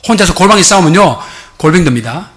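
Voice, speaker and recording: A male pastor delivers a sermon from a church sanctuary, emphatic and exhorting. His voice sits high and bright, and he keeps turning to address his listeners directly as he presses each point home. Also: animated, quick pace.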